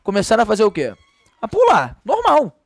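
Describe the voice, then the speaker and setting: A man's voice: sits high, huge pitch swings, brisk, no echo, clean studio sound. A Brazilian man teaching a Portuguese grammar lesson, slangy and jokey as he tells a story. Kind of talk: exam-prep grammar lesson.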